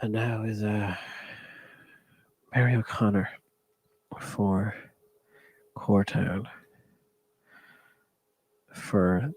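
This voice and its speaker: Male golf commentator, low gravelly voice, hesitant and hushed, thinking aloud. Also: steady tone, very slow, long pauses, dry recording, poor audio.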